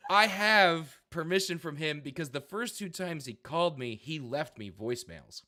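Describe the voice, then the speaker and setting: A man co-hosting a podcast, telling a story with lively acted-out quotes. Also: fairly high pitch, moderate pace. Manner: animated, acts out quotes loudly. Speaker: podcast co-host. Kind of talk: casual storytelling.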